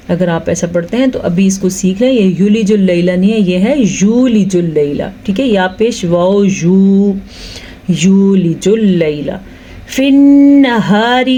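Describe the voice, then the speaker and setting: A woman teaching Quran recitation rules, explaining slowly, reciting drawn-out examples and asking if the point is clear. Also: mid-range voice, warm tone, slight background noise. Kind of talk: tajweed lesson with recitation.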